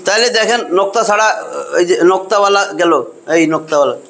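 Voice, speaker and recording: A man's voice: sits high, quick pace, noisy background. A man teaching a class how to read and pronounce letters, repeating each sound patiently. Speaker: Quran reading teacher. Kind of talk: classroom lesson.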